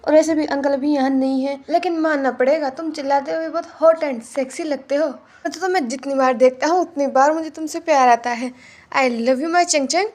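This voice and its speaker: A woman's voice: high-pitched, steady tone, brisk, hardly any pauses, warm tone, lightly acted. A woman voicing a flirty, doting mafia husband who sweet-talks and teases his spouse in a storybook retelling. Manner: teasing, sweet-talking.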